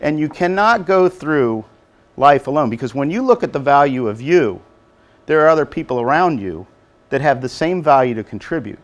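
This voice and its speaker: Guy giving an animated pep talk, jokey, slightly high voice, acts out little quotes. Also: moderate pace. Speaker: motivational speaker. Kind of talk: motivational talk to nursing assistants. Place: college hall before an audience.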